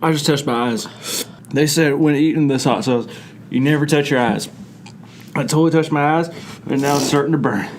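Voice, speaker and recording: A man's voice: on the high side, moderate pace. Coughing, complaining man with noisy background. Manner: dramatic, coughing and complaining between lines. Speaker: youth ministry host. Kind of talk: casual hot-sauce challenge banter.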